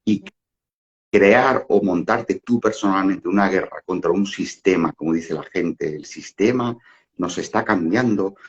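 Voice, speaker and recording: Middle-aged male speaker, casual philosophical talk, lots of restarts and fillers; deep-ish voice, lo-fi recording. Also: a little slow. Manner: rambling, many fillers and restarts, rhetorical "¿no?". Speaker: spiritual talk facilitator. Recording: dull lo-fi audio.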